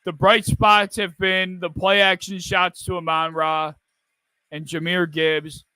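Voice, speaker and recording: A man hosting a live football watch-party stream, calling plays and reacting in an excitable, profane way. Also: high voice, takes it slowly, clean tone, dry recording.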